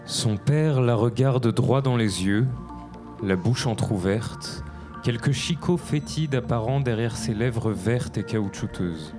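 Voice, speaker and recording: A man narrating a story in a slow, descriptive way. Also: mid-range voice, music in the background.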